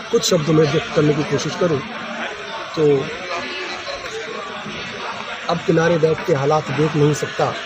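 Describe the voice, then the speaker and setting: A man answering a reporter's questions at a farmers' meeting, speaking earnestly and formally, sometimes restarting his words. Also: on the high side. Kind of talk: spontaneous on-the-spot interview. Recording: outdoors with loud background noise. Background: loud outdoor ambience.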